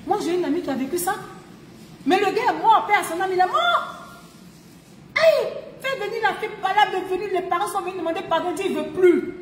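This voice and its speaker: A woman's voice: very high voice, quick pace, slight background noise. A woman streaming live, giving relationship advice emphatically, laughing often and repeating her key phrases. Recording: echoey room.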